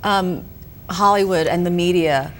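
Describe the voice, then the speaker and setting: Speaking at a measured pace in a lowish voice, the Hong Kong film director and actress chats through her interview answers as a guest, often saying "you know" and "um". There's slight background noise.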